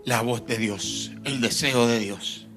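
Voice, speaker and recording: A male pastor preaching a sermon in a church, shifting between soft low asides and loud emphatic lines. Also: takes it slowly, soft background music. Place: church sanctuary.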